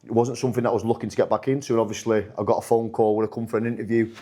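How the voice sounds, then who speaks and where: A football manager talks casually in a podcast interview, his fairly low male voice moving very fast. He rambles with many restarts and grows lively whenever he quotes other people.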